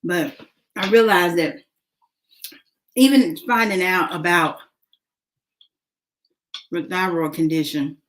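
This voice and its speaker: A woman speaks in a low, relaxed voice, taking her time. She chats casually to her viewers, filling pauses with ums and uhs. She talks while eating. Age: adult, mother of a son. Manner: chatty, eats while talking, many fillers. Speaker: vlogger. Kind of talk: casual eating and talking vlog.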